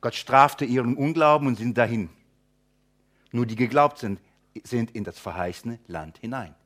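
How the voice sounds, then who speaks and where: German-speaking pastor teaching verse by verse. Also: male voice, medium pitch, a bit bright. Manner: rhetorical questions to listeners, addresses them as friends; acts out imagined objectors in quick asides.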